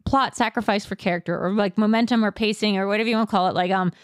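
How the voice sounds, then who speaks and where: Casual female co-host, mid pitch, dry close sound, rambling and animated in her asides. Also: very fast, clear, resonant tone, no room sound. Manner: chatty, many fillers, acts out quotes. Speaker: podcast co-host. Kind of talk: casual movie review chat.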